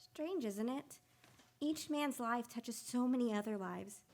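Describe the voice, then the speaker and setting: A woman's voice: fairly high pitch, a little slow. A woman playing an earnest, easily flustered female guardian angel in a radio play. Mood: gentle, solemn. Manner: earnest, excitable, hesitant when flustered.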